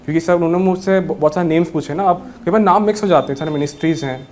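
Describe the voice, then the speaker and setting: A young man talks through interview tips in a relaxed, reassuring way, slipping English words into his Hindi. His voice sits a little high for a man. A faint background noise runs under the recording. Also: rapid-fire. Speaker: interview guest, newly selected civil judge. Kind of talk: casual interview advice.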